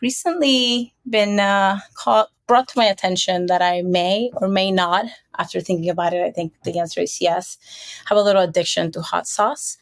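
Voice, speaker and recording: A woman from Puerto Rico, a marketing executive guest, telling stories in a chatty, relaxed interview. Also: medium pitch, normal speed, no echo. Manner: chatty, storytelling, frequent fillers. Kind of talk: casual interview.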